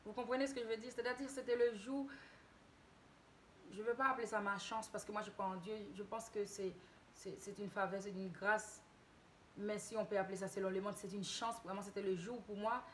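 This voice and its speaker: A woman's voice: mid-range voice, steady tone, a little fast, a little hiss or hum. A woman from Haiti telling a casual story-time tale to her channel, hesitant, with many restarts and self-corrections.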